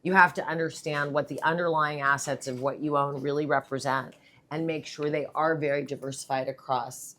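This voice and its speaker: A woman on a finance panel, an animated storyteller who jumps in to add points. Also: deep voice, normal speed. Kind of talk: panel discussion.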